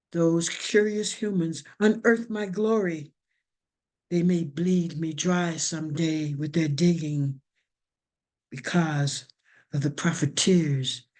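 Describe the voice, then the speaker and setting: A woman poet reciting her spoken word pieces slowly and deliberately over a video call. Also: lowish voice, darkish tone. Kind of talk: spoken word poetry reading.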